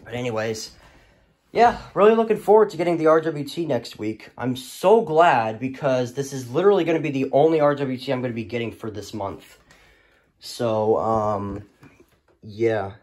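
Talking at a moderate pace in a mid-range, darkish voice, a young male student offers a loose, rambling review of a weather radio, often letting sentences trail off. He's a hobbyist, teen or young adult, shooting on a handheld phone camera in a small indoor room.

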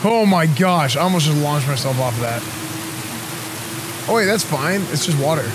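A man's voice: fairly high pitch, animated, normal speed, noisy background. A man in his thirties giving casual live game commentary in a goofy, slangy way, speaking close into a streaming microphone. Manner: goofy, slangy, easily startled exclamations. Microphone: boom microphone close up, streaming setup. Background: game music.

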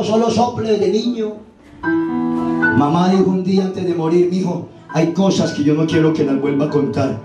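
A man with a Colombian accent and a fairly high voice preaches his life story, acting out every character with lively energy. He sounds distant from the mic, in a reverberant hall. Music plays softly behind him. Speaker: preacher giving his testimony. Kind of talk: sermon testimony.

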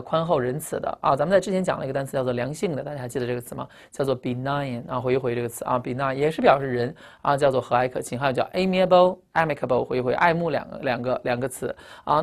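A woman teaching English vocabulary, spelling out words letter by letter and often asking students whether they remember earlier words. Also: a bass voice. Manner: ends phrases with the particle "啊". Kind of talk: recorded vocabulary lecture.

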